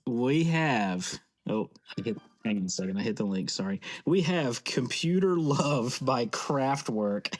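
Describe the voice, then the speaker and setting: A man talks casually as a podcast co-host, rambling and laughing easily. His voice is mid-pitched and ordinary, and he gets excitable in conversation. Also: a little slow, hardly any pauses. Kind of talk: casual chat.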